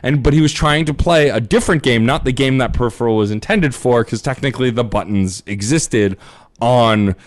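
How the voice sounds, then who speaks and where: A man co-hosting a podcast in casual chat, chatty, with rapid asides. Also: mid-range voice. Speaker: podcast co-host.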